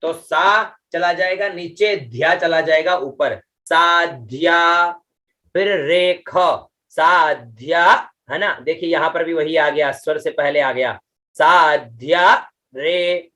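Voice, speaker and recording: Middle-aged male teacher, slightly high, bright voice, slow deliberate chanting delivery, patient with repeated checks. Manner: slow, drawn-out chanting of mantra syllables with pitch-accent explanations; patient, repeats "ठीक है" and "है ना" often. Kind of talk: online class lesson.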